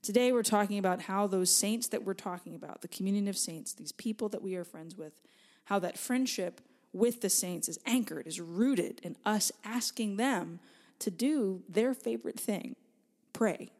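Woman, mid-pitched voice, podcast host, upbeat, conversational interviewing. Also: normal speed, a little mellow.

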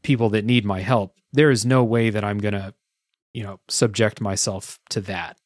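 A man with a fairly low voice talks casually and matter-of-factly as a podcast host. He weighs things up in a reflective way. The sound is dry, with no room around it. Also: fairly even intonation, normal speed, no echo. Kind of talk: casual chat about a video game.

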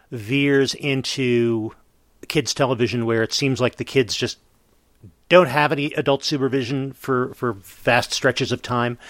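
A man co-hosting a podcast, speaking in a thoughtful, measured way with the odd stumble. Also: medium pitch, a bit bright, no echo. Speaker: podcast co-host. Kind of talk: casual chat reviewing a cartoon.

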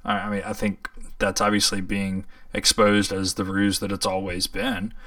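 A man co-hosting a podcast, talking politics in a casual, conversational way with lots of fillers and sudden animated rises in pitch. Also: normal speed, dry recording, far from the mic. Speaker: podcast co-host.

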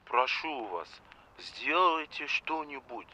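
A man's voice: on the high side, lively intonation, slow, bright, forceful tone, heavily acted, poor audio. A man playing a formal, insistent president who pleads in a film drama. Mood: urgent, formal.

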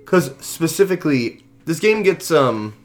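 A man in relaxed casual chat, laughing easily and swearing offhandedly. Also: a little high, measured pace.

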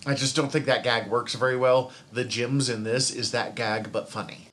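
A man's voice: mid-range voice, fairly even intonation, moderate pace, a bit bright. A man co-hosting a podcast in casual chat, rambling and swearing freely. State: hiccups from eating. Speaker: podcast co-host.

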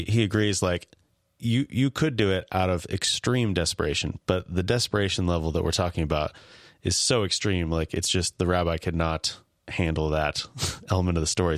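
Man, very low voice, dry close sound, casual podcast co-host, halting recap. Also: no room sound. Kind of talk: casual discussion, recapping a TV episode.

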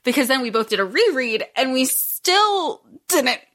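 A woman with a bright, forceful voice chats as a podcast co-host. She is effusive and emphatic, rambling freely. The sound is echoey, as if recorded in a makeshift room on the road. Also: sits high, very animated, unhurried. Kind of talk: casual book and fandom podcast chat. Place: temporary recording spot while traveling. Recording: echoey room away from usual studio.

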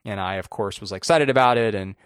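A man's voice: fairly low pitch, quick pace, clean tone, no echo, clean studio sound. A man co-hosting a podcast, chatting casually about tech news and often restarting his phrases. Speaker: podcast co-host.

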